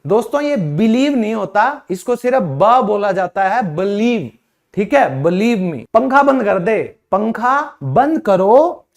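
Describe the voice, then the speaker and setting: High-voiced man teaching slowly. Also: big pitch swings. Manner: repeats each phrase slowly, Hindi then English. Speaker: English teacher. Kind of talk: spoken English lesson.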